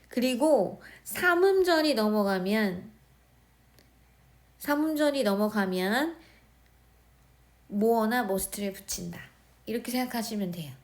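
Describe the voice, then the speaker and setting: A woman teaching English grammar in a recorded lesson, speaking with a Korean accent, explaining step by step and often checking that students follow. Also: on the high side. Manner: slow, explaining, repeating words and checking understanding.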